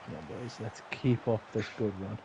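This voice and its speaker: A man's voice: lowish voice, normal speed, gravelly, background noise. A man chatting while gaming, giving mock-dramatic commentary on a match. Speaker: streamer playing with friends. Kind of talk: casual chat while gaming.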